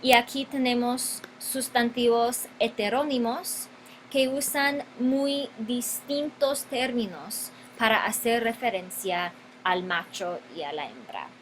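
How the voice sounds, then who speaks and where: A woman's voice: fairly high pitch, takes it slowly, a little hiss or hum, rough recording. A woman teaching a grammar lesson, stretching out key words and repeating them for her students. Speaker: Spanish teacher.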